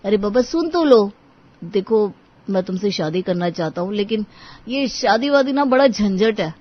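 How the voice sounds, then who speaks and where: A woman's voice: mid-range voice, animated, moderate pace, natural voice. Woman voicing a jumpy young man dodging marriage talk, defensive, lo-fi. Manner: defensive, joking, dodging questions.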